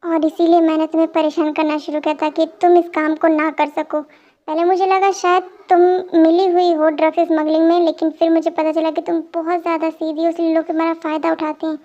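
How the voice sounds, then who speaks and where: A stern young police officer lays things out in a low, firm voice, as a young woman puts him on. The voice still sits high for a man. The home recording sounds dull and lo-fi. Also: little pitch movement, fairly quick, dark tone. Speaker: fan dubbing voice artist. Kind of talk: dramatic fan-dub voice acting.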